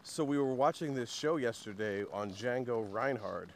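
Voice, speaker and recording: A man's voice: mid-range voice, moderate pace, crowd noise. A man hosting a casual podcast chat, sarcastic and joking, with many fillers. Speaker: podcast host.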